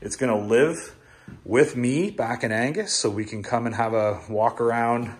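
Easygoing builder giving a tour. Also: male voice, mid-range voice, measured pace, husky. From Ontario, Canada. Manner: chatty, easygoing, with filler restarts. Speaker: builder and small business owner. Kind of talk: casual walking tour vlog. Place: workshop yard and small wooden building under construction.

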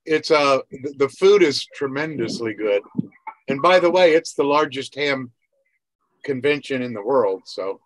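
A man's voice: medium pitch, expressive, unhurried, no room sound, rough recording. A man taking part in a meeting, chatting easily over a video call. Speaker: meeting participant. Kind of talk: casual video-call chat.

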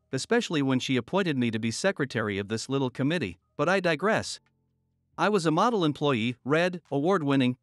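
A man narrating workplace and army stories in a steady scripted storytelling voice, lightly voicing the people in them. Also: fairly high pitch, dry recording, studio quality.

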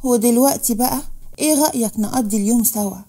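A woman voicing a foreign woman who coaxes in halting, broken phrasing. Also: a little high, dark tone, close to an everyday voice. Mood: coaxing.

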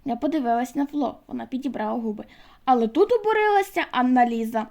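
A woman reading a children's book aloud, expressive and lightly voicing the characters. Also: high voice, fast talker. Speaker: audiobook reader.

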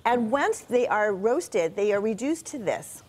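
A woman's voice: mid-range voice, big pitch swings, unhurried, a little mellow, slight background noise. Woman cooking instructor demonstrating a recipe. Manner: explanatory, step-by-step, friendly. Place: TV studio kitchen set.

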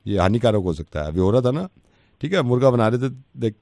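A man's voice: medium pitch, very animated, fast, darkish tone, no echo. A man hosting a radio prank segment, teasing and mocking the person he has fooled. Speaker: radio host. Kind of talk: prank call radio show.

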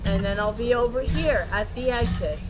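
A woman with a slightly high voice talks casually through co-op gameplay. Game music plays behind her. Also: moderate pace, rough recording. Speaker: co-op game player.

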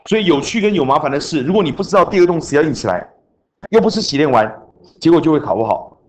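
A man's voice: a little high, lively intonation, fast talker. A man, teaching an English class and drilling grammar rules with chanted mnemonics. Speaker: junior high English teacher. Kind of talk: classroom lecture.

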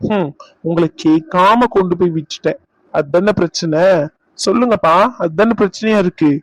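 A man's voice: high voice, moderate pace, dry recording, lightly acted, low-quality recording. A man voicing an irritated grown son, a young doctor, talking back to his father. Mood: defiant. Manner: defiant, exasperated. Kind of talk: cartoon dub acting.

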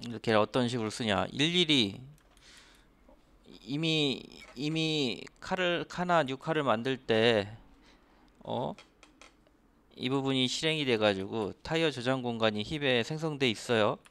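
Here the instructor's mid-range voice moves a little slowly, with a fairly bright, clean tone. He works through his coding lesson step by step on a screen recording, posing rhetorical questions along the way.

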